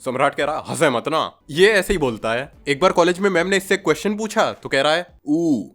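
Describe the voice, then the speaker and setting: A man's voice: a little high, lively intonation, fast, fairly bright tone. Sarcastic young man cracking crude jokes. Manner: acts out friends' voices. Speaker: stand-up comedian. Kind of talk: comic monologue vlog.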